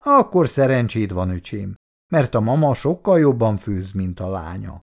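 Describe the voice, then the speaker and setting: A man's voice: fairly low pitch, big pitch swings, creaky. A man playing a hearty, bossy old father. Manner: hearty, commanding.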